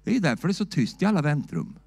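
Man, middle-aged pastor, fiery church sermon, loud and high, dry sound. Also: sing-song, vocal fry, breathy edge, dry recording. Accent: Swedish. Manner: preaches loudly, shouting at times; asks the church "va?" in a loose, talky style.

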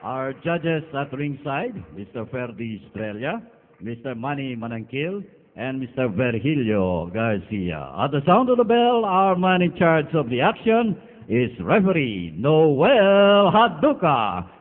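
A man working as a boxing ring announcer, formally introducing with ceremonious, drawn-out names. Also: mid-range voice, very animated. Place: large indoor arena. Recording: echoing arena PA, phone-like sound.

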